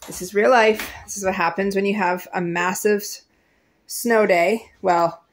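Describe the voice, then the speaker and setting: Chatty homeschooling mom vlogging. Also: female voice, medium pitch, fairly even intonation, a little slow, soft background music. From Nova Scotia, Canada. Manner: chatty, easygoing. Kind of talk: casual vlog narration.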